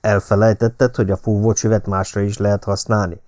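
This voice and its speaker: A man voicing a gruff middle-aged detective in an audiobook, grumbling and measured in his speech. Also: lowish voice, level tone, a little mellow, no echo, studio quality, natural voice.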